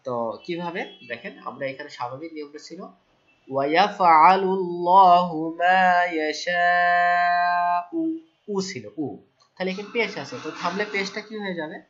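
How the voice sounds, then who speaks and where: A man teaching Quran recitation rules, asking his own questions, answering them, and reciting verses slowly and loudly. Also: mid-range voice, muffled recording. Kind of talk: Quran tajweed lesson.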